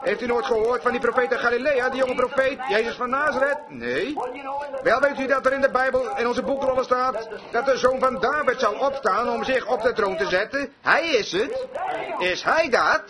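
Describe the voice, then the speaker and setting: Fervent male preacher, very high voice, congregation audible. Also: brisk, crowd noise. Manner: fervent, emphatic storytelling. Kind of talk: sermon. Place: church.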